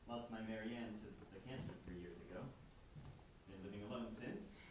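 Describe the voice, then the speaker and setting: A man's voice: fairly low pitch, a little fast, close to an everyday voice. A man playing a lonely, plain-spoken old widowed fisherman who reminisces in a stage play. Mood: wistful, reminiscing. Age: older. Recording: echoey room, distant mic, clear noise.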